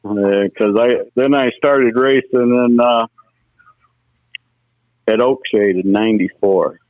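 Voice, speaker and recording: A middle-aged man who used to race cars tells folksy, anecdotal stories as a guest on a casual phone interview. His mid-range voice moves slowly with frequent pauses, and there's no echo, though the narrow telephone line leaves it muffled.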